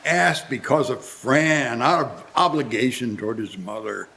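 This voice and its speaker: A man's voice: medium pitch, a little slow, gravelly, sharp tone. A man playing Ebenezer Scrooge as an elderly, defensive miser in a live radio play, hesitant, stammering and pleading. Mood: reluctant, subdued.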